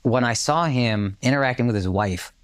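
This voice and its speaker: A man's voice: medium pitch, normal speed, clean tone. A man on a podcast, casually telling a story with lots of swearing and acted-out quotes. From United States. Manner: animated storyteller, swears freely, acts out quotes. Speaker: podcast co-host.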